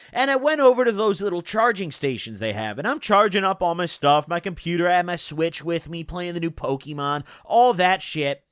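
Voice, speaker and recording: A young man telling a casual personal story in laid-back stoner slang, swearing freely and punching his words with animated emphasis. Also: sits high, clean tone, dry recording, studio quality.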